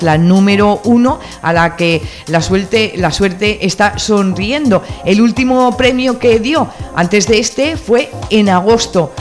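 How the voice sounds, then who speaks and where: A woman presenting local radio news at a mid pitch, brisk and clear like a newsreader. Faint music sits behind her voice. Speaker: radio host. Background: music bed.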